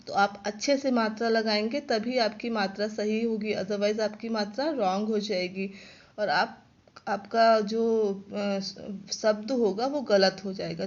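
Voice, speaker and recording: A female class teacher, giving a slow lesson to young pupils and repeating sounds and words clearly. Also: mid-range voice. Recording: dull lo-fi recording.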